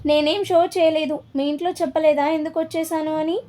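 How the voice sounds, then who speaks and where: A woman voicing a proud, defensive young wife in a storybook reading, with sharp replies. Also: high voice, steady tone, brisk, lightly acted.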